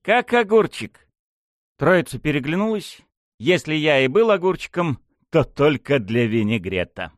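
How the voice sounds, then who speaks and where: A man reading a first-person audiobook aloud, telling it in a wry, expressive way. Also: normal speed, no room sound, clean studio sound. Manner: wry, expressive storytelling with wide pitch swings. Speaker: audiobook narrator.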